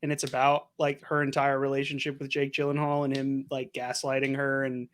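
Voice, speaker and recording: A man's voice: mid-range voice, completely flat delivery, fairly quick, fairly bright tone, slight background noise. A young man co-hosting a podcast, chatting casually and rambling with lots of "like". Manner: rambling, uses "like" a lot. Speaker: podcast co-host. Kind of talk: casual chat.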